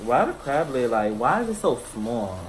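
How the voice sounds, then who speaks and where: A man's voice: medium pitch, very animated, moderate pace. A man hosting a casual seafood mukbang vlog, playful and chatty, often repeating himself and trailing off. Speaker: vlogger host. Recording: noisy background.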